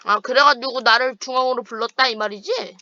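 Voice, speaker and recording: A woman's voice: a little high, a little fast, pushed and bright, dry recording, lo-fi sound. A woman hosting a gaming channel, chatting with a friend over voice chat while playing online and trash-talking playfully. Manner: playful teasing trash talk.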